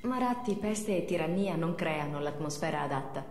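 A woman's voice: low-pitched, animated, normal speed. An actress playing a prim, unimpressed young woman in a video game, dry and formal. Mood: annoyed. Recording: roomy reverb.

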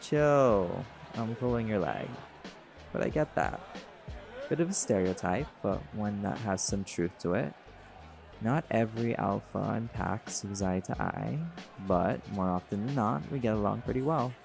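Unhurried and fairly low, with vocal fry and a darkish tone, a male performer delivers a scripted roleplay monologue as a cocky, easygoing male jaguar shifter and pack alpha. He teases in a relaxed way while party music plays behind.

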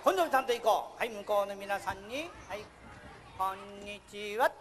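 A man's voice: high voice, expressive, fast talker, over a noisy crowd, heavy background noise. A man performing a puppet show for children, playfully scolding his puppet and calling out to the audience.

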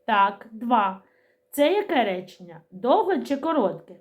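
Woman teacher, middle-aged, higher voice, sing-song, clear articulation, preschool lesson. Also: sing-song. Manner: slow, clearly articulated, sing-song speech to small children.

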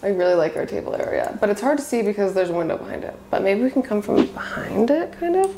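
Talking fast with big swings in pitch, a woman in her twenties gushes through a casual tour of her small apartment's kitchen and living room, saying cute a lot. Her mid-range voice is creaky and dark in tone, and there's slight background noise.

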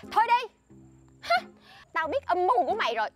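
A woman's voice: very high voice, sing-song, a little fast, soft background music. An actress with a Southern Vietnamese accent playing a boastful, scheming friend who bossily lectures another woman. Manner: bossy, showy, lectures her friend. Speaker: actress in a comedy sketch.

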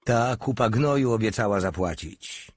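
A man voicing a huge, brutish male soldier who bellows slow threats. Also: lowish voice, animated, slightly rough, no echo, studio quality, voice pushed up. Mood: bellowing threat.

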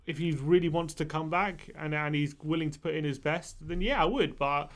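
A man's voice: a little high, moderate pace. A young man co-hosting a football fan channel, talking casually in a small studio at a desk mic, getting worked up as he goes. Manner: animated, many restarts, gets heated. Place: small studio with brick wall. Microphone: desk microphone.

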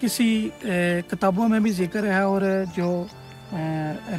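A man, guiding viewers outdoors in a casual vlog and explaining at length with many hesitant fillers. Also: high voice. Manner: louder and more energetic while walking through the brush. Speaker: travel vlogger. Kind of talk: casual tour-guide vlog. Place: outdoors in open scrubland by an old stone bridge.

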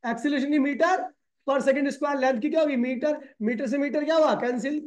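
A man's voice: extremely high pitch, steady tone, normal speed, darkish tone. A man teaching physics in a classroom lecture. He asks the class questions and answers them himself, calling the students brother and kid.

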